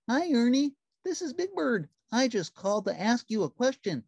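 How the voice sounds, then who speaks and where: A woman's voice: fairly high pitch, sing-song, moderate pace, creaky, a little mellow, slightly rough, no echo, studio quality, voice pushed up, heavily acted. Woman putting on a big childlike male bird. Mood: friendly, casual.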